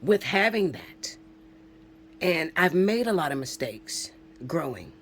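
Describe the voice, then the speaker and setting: A very animated woman in her forties with a lowish voice takes her time as she talks to viewers, with slight background noise present. A spiritual reader, she's casual yet emphatic and preachy, swearing often and repeatedly saying "okay?".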